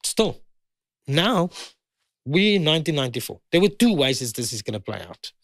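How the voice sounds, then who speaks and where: A man's voice: fairly high pitch, big pitch swings, moderate pace, a bit bright. A South African man in his fifties, a guest in a heated conversation, pressing and repeating his points. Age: 50s.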